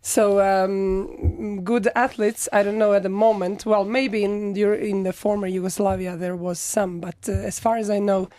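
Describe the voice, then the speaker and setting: A woman whose first language is Croatian speaks English as a radio guest, pausing with fillers while she searches for words. Her pitch sits in the middle, and the sound is close and dry. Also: flat delivery, dark tone, dry recording. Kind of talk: on-air English class chat.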